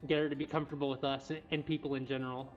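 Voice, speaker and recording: Her bass voice races along in a flat delivery with a darkish tone. She's a cat cafe livestream host, indoors at the cafe, chatting casually and speaking fondly to the animals, while dull-sounding stream audio carries music in the background.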